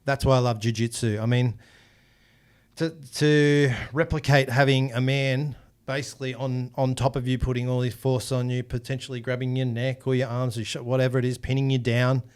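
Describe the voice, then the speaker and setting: A man hosting a podcast, relaxed and chatty as he asks questions and adds his own views. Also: medium pitch, fairly quick, clear, resonant tone. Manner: relaxed, chatty, laughs easily. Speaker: podcast host. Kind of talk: casual podcast interview.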